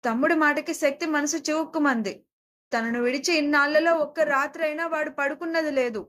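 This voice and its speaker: A woman's voice: sits high, steady tone, a little fast, fairly bright tone. A woman narrating an audio story in an emotive, scripted storytelling manner.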